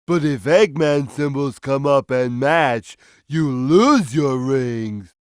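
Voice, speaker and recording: A man voicing a big, slow-witted, gentle, good-natured cartoon cat in a video game, speaking in a simple, earnest, drawn-out way. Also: mid-range voice, lively intonation, clean tone, no room sound, clean studio sound. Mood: earnest, helpful. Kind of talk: video game character voice lines.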